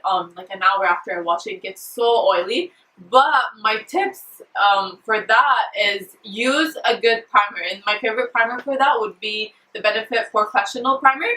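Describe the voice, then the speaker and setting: This twenty-something woman is a beauty vlogger and makeup artist of Afghan and Syrian family background, chatting to camera at home in a casual Q&A as she answers viewer questions. She's giggly, jokey and talkative, with plenty of fillers, and her voice is slightly high, pushed and bright. The rough recording was made from a distance and sounds reverberant.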